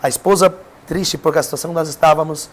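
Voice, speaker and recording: Speaking quickly with fairly even intonation in a voice on the high side, a Brazilian man shares an emotional testimony as a preacher guesting on a podcast. His Brazilian Portuguese-accented delivery is earnest and emphatic, rising in intensity as he goes.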